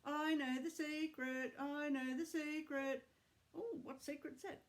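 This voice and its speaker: A woman's voice: high-pitched, fairly even intonation, unhurried, voice pushed up. A woman voicing an eager little girl who teases in a singsong way about a secret. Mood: teasing.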